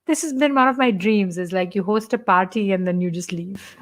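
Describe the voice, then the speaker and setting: This is casual live-stream chat from a middle-aged Indian woman with an Indian accent, who hosts a playful, talkative church stream and jokes with her viewers. She speaks briskly at a medium pitch.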